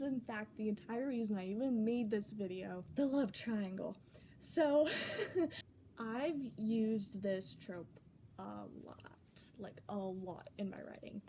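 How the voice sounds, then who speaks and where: A woman's voice: medium pitch, dark tone. A young adult woman chatting casually and animatedly to camera, recording herself outdoors in the wind. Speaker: vlogger talking about writing. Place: outdoors in the wind, with wind chimes nearby. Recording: windy outdoor noise.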